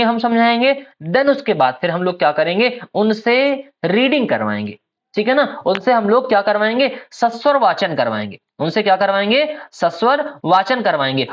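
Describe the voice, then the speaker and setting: A man's voice: high voice, a bit bright, lo-fi sound. A man teaching an exam-prep lesson, explaining patiently, calling his students "beta" and often checking that they follow.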